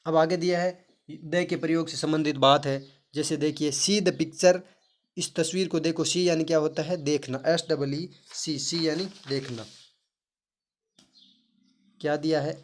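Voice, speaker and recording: A man teaching English grammar in Hindi, asking questions and answering them himself, and slowly spelling out English words. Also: on the high side. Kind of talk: classroom-style grammar lesson.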